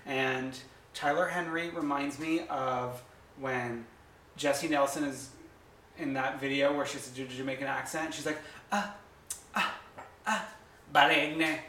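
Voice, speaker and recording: A man's voice: mid-range voice, fairly even intonation, a bit bright, roomy sound, slight background noise. A man co-hosting a podcast, chatting casually and gossiping eagerly about reality TV. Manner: gossipy, chatty, quick asides. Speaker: podcast co-host. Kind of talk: casual chat.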